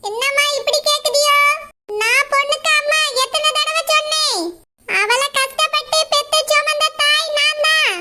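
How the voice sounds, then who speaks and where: A woman's voice: extremely high pitch, steady tone, moderate pace, bright, forceful tone, full character voice. A woman voicing a boastful middle-aged mother who sells tea, insisting and defending herself. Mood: insistent.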